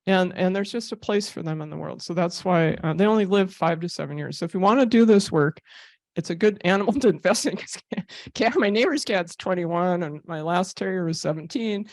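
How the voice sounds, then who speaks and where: A woman's voice: on the low side, a little fast, darkish tone, no room sound. A woman giving a casual talk with slides as a therapy animal volunteer, a chatty storyteller who laughs often and uses many fillers.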